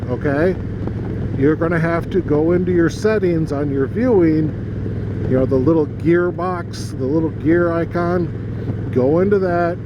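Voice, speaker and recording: Motovlogger, American male, slightly high voice, unhurried casual explainer, heard inside a helmet over very loud engine and wind. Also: dull audio. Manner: rambling, explanatory, addressing viewers. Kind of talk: casual chat to camera while riding. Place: outdoors on a moving motorcycle, talking inside a helmet.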